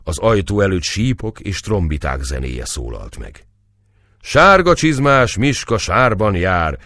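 Male audiobook narrator, deep and very expressive, dry close sound. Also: dry recording. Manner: acts out the dialogue with raised voice. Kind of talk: audiobook narration of a historical novel.

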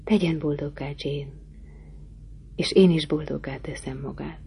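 A woman reading aloud as a passionate, brooding middle-aged gentleman who pleads ardently. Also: sits low, breathy edge. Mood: intense.

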